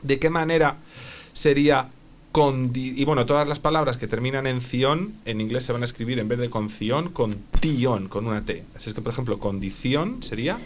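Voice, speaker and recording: A man's voice: mid-range voice, moderate pace, a little hiss or hum. A man teaching English on the radio, patiently repeating phrases for a learner. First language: Spanish.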